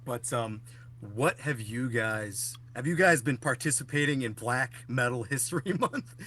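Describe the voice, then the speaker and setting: A male podcast host chats casually, spinning rambling stories packed with fillers. His mid-range voice is animated and sharp-toned, moving at a measured pace.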